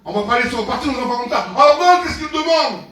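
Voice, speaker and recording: High, bright older man preaching. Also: lively intonation, fast. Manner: emphatic preaching with repeated questions, bursts of shouting. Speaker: pastor. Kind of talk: sermon. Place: large echoey hall. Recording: very echoey hall, voice from a distance.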